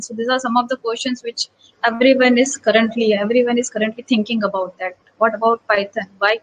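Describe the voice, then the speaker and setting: Over poor audio, a slightly high-pitched woman lectures at an online workshop. She is an associate professor from Gujarat, India, and her earnest, teacherly delivery is full of rhetorical questions for her audience.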